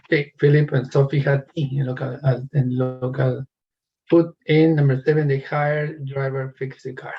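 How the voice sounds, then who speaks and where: Guy teaching english class, gravelly kinda husky voice, cheers students on. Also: medium pitch, level tone, moderate pace, muffled recording. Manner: encouraging, calls on students by name.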